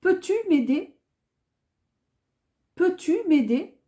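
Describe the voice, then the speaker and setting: In an unhurried beginner French lesson, a woman says every phrase twice. Her voice is high yet soft and mellow, with lively intonation. She speaks with the careful clarity of a patient teacher.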